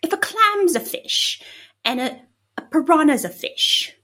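A wide-eyed, curious visitor, voiced by a woman with a put-on British accent. Her voice is high and lively, and she speaks unhurriedly. She asks playful questions in an improvised comedy scene. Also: unhurried, heavily acted. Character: curious young woman visitor Pippa, faux English.

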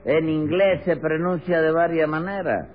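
A man's voice: a little high, fairly even intonation, measured pace, slight background noise, close to an everyday voice. A man playing a bluffing Cuban swindler. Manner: stammering, bluffing, evasive. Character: boastful scheming swindler man posing as an English teacher. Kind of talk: 1950s radio comedy acting. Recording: tinny old radio broadcast.

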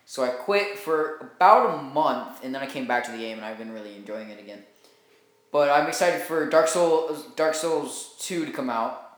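A man's voice: mid-range voice, animated, moderate pace. A young man co-hosting a casual gaming podcast, enthusiastic and rambling, laughing often. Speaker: podcast co-host. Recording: very echoey room.

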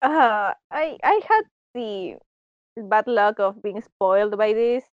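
A woman's voice: medium pitch, animated, no echo. Woman on a podcast, stops and restarts a lot, giggly, dead-dry muffled mic. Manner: halting, repeats words, giggly. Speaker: podcast panelist. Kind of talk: casual podcast chat.

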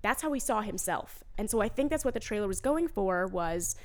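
A woman's voice: mid-range voice, animated, brisk. A woman guest on a casual podcast, talking eagerly and laughing as she explains. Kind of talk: casual chat.

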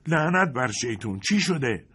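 A man voicing a gruff male army sergeant in an audiobook, barking his orders. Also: low voice, expressive, heavily acted. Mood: irritated. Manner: shouted commands.

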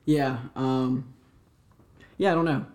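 A man's voice: mid-range voice, fairly even intonation, slow, a little mellow. A man co-hosting a podcast in casual chat, skeptical and asking short questions. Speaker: podcast co-host.

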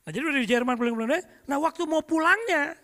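A middle-aged man preaches in a high, bright voice, spinning lively stories from the pulpit. He keeps turning to speak straight to the congregation. His voice rings with the long reverb of a church hall. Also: fast talker, vocal fry. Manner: lively anecdotal storytelling, often addresses the congregation. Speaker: pastor. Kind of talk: storytelling sermon.

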